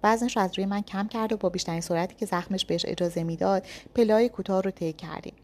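A woman's voice: mid-range voice, dark tone. A woman reading a first-person thriller story aloud with tense, dramatic storytelling. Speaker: narrator.

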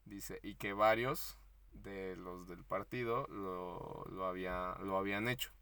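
A man with a Mexican accent co-hosting a podcast, retelling a story in slangy, animated casual chat and acting out the quotes. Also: low-pitched, measured pace, creaky, clear, resonant tone. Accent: Mexican Spanish. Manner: frequent laughs and fillers like "este". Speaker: podcast co-host.

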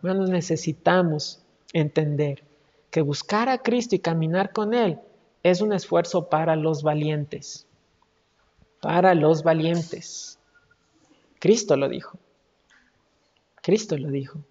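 A woman's voice: deep voice, slow pace, pauses often, darkish tone. A woman preacher giving a sermon with emphatic, repeated exhortations. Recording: echoey hall, dull sound.

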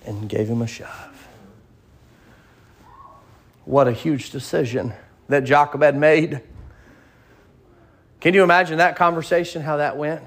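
Male pastor, lively sermon storyteller, slightly higher voice. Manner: vivid storytelling, acts out voices; rhetorical questions to the congregation.

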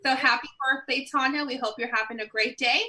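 Woman, talk show host, upbeat sign-off, bright tone. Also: sits high, fairly even intonation, brisk, rough recording. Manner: upbeat, announcing.

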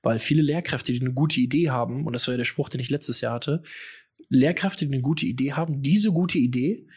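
A man speaking in a casual, colloquial interview, animated and quick, often acting out other people's voices. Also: medium pitch, breathy edge. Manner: fast, animated, colloquial, acts out quoted voices.

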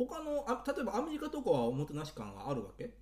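Teasing radio co-host man with a lively voice. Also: high-pitched. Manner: teasing, skeptical, quick retorts. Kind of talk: casual radio chat.

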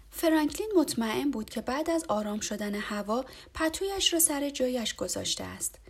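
A woman reading a children's story aloud in a soft, half-whispered way. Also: fairly high pitch, husky.

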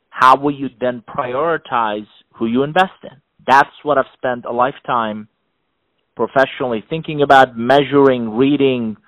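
Here an Iranian executive advisor and author in middle age responds to interview questions with a mid-range voice. Animated and emphatic, he keeps restarting and repeating himself. Audio quality is poor and completely dry.

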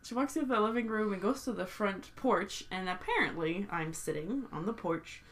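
A woman telling an animated story in a casual chat, laughing as she talks. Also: medium pitch, normal speed.

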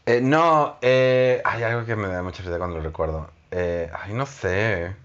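A man's voice: on the low side, moderate pace, fairly bright tone, lo-fi sound. A man, a stand-up comedian co-hosting a casual podcast, dropping dry jokes. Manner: dry, joking interjections. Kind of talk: casual chat.

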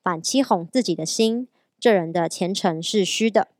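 A woman reading a scripture passage aloud in a steady, even way during a sermon. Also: medium pitch, moderate pace, no room sound, clean studio sound. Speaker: scripture reader.

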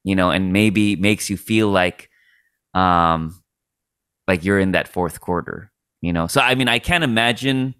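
A man nearing forty talks in a very deep, smooth and resonant voice. He muses thoughtfully on a casual faith podcast, pausing and restarting as he thinks. The sound is dry and close. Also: fairly bright tone, no echo. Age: late 30s. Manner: reflective, thinks aloud with many fillers. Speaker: podcast co-host.

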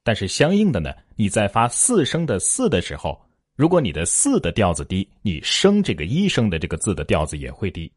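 A man's voice: lowish voice, wildly swooping pitch, a little fast, breathy edge, no room sound, studio quality. A man teaching Mandarin pronunciation, explaining the tones and demonstrating them aloud in repeat-after-me drills. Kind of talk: spoken lesson with demonstrations.

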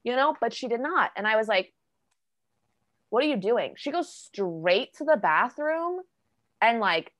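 A young woman co-hosting a podcast, telling a story in a casual, animated way and swearing freely. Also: on the high side, a little slow, pauses often. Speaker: podcast co-host. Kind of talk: casual chat.

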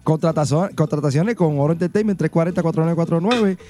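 A man, a singer and radio announcer guesting on a radio show, chatting casually and plugging his music with quick jokes. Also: fairly high pitch, mellow. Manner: joking, promotional, quick asides. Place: radio studio.

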